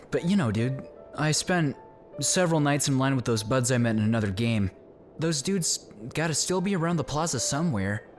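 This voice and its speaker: A man's voice: medium pitch, animated, normal speed, soft background music, natural voice. Man voicing a slangy anime gamer buddy. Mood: apologetic, reassuring. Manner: slangy, stammering, casual delivery. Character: loyal, laid-back young male gamer buddy. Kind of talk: anime fan dub voice acting.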